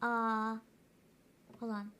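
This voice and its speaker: A woman's voice: level tone, drawn-out words, fairly bright tone, smooth. A woman streaming a game through a voice changer, giggling and swearing while she chats casually. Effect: voice changer raising the pitch. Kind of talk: casual gameplay commentary.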